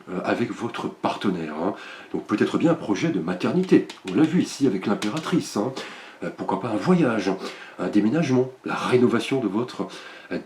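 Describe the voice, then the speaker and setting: A man giving a monthly tarot and astrology card reading, speaking gently with many fillers. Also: mid-range voice. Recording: roomy echo.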